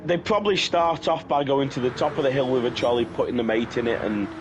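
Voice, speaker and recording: A man's voice: mid-range voice, quick pace. A British man co-hosting a race stream, chatting casually, joking and laughing often, repeating himself as he talks. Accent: British English. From Britain. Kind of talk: casual banter over race commentary. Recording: dull lo-fi sound with clear noise.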